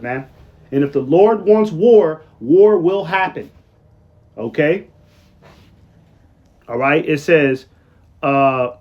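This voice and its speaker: A tired man talking casually late at night at his workplace, rambling through news commentary, often asking "right?" and slowing down to read quotes aloud. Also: on the high side, a little mellow, muffled recording. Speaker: online commentator.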